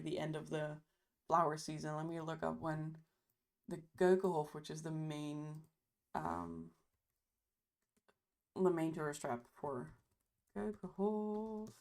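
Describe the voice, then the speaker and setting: Gravelly-voiced woman streamer, losing voice. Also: low voice, a little mellow. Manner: chatty, thanks viewers often. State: losing her voice. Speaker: livestream host. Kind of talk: casual stream chat.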